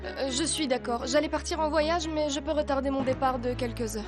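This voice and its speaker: A young heroine, as an actress plays her, with a very high, bright-toned voice. She speaks earnestly and pleads with urgency. Melodramatic music plays behind her in this dubbed soap. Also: a little fast, natural voice. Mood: polite. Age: young adult. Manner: pleading, desperate. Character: young woman, frightened captive heroine. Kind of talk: dubbed telenovela acting.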